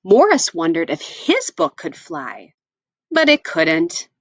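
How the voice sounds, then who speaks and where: With a breathy edge to her voice, a woman tells a children's story in an expressive read-aloud style. Her pitch roams animatedly as she shapes each phrase with care, using deliberate phrasing and asides to listeners. The sound is dry, with no echo.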